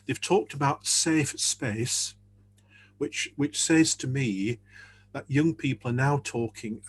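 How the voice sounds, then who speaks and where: A man's voice: medium pitch, slow, breathy edge. A man speaking earnestly as a church leader in a panel discussion over a video call, often repeating words as he thinks.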